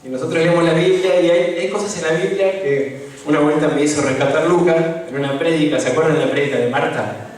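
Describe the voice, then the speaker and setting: Speaking at a quick pace in a slightly high voice, this young Rioplatense-accented lay preacher delivers a casual sermon in a church hall, frequently asking the congregation questions and leaning on tag questions. The distant, echoey church recording has a little hiss or hum.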